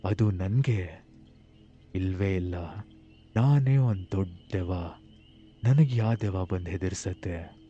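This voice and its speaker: A gloomy, secretive traveller speaks low and subdued, as a man puts him on, his mellow voice dropped well below the storyteller's own. The sound is slightly dull. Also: slow, long pauses, soft background music. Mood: brooding.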